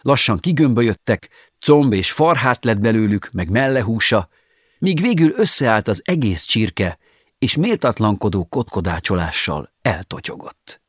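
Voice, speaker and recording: A man narrates short stories for an audiobook in a measured, ironic tone. His voice is low, and the recording is close and dry with no room sound. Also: big pitch swings, husky, dry recording. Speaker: audiobook reader. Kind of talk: scripted narration.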